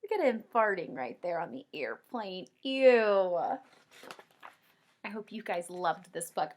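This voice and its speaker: A woman kindergarten teacher with a mid-range voice gives young children an animated, expressive read-aloud. She draws out words for emphasis, offers simple explanations and asks comprehension questions.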